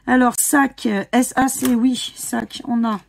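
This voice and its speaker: A woman's voice: fairly high pitch, fairly even intonation, slow, creaky, slight background noise. A woman from France chatting casually as she scratches lottery tickets, spelling out letters one by one with many hesitations. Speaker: scratch-card YouTuber. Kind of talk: casual commentary while playing scratch cards.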